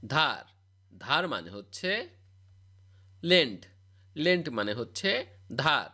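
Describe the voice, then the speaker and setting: A man's voice: mid-range voice, very animated, takes it slowly, bright, forceful tone, slightly rough. A man reciting a scripted vocabulary drill as a spoken English teacher, repeating each word and its meaning.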